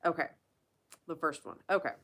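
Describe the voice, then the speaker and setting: Blunt, profane woman with a low voice. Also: moderate pace, fairly bright tone. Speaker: channel host. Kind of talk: casual live Q&A chat.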